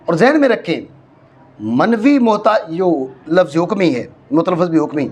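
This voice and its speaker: In his Arabic grammar lecture, a man from Pakistan breaks things down step by step, goes over points again, and checks often that the class is keeping up. He speaks with a fairly high, very animated voice that is darkish in tone and slightly rough.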